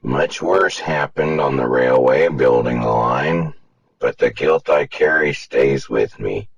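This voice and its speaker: A man voicing a gruff, grandfatherly old male steam locomotive in an audio story, speaking in a slow, weighty, rueful way with a booming, gravelly voice. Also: dull audio, exaggerated voice. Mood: somber. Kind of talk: audiobook character voice.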